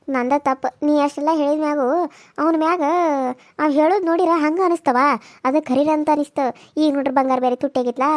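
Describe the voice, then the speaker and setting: A blunt, fiery older village aunt from a cartoon serial, as a woman puts her on. She talks fast and forcefully with a North Karnataka Kannada accent and scolds in an indignant tone. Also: high-pitched, dry recording, clean studio sound, pitched below the performer's own voice, close to an everyday voice. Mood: consoling.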